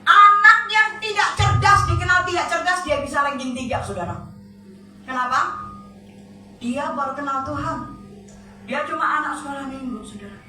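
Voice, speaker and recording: Captured by a distant mic in an echoey hall with faint music behind her, a woman preaches a storytelling sermon. Her high-pitched voice is pushed and bright with lively intonation, moving at normal speed with long pauses, and she frequently speaks straight to her listeners as brothers and sisters.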